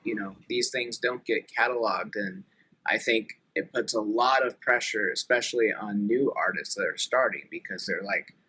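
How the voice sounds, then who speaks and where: A man's voice: fairly low pitch, normal speed, sharp tone, slightly rough, rough recording. A man in his late thirties talking earnestly and thoughtfully in a casual podcast conversation, with many fillers. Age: late 30s.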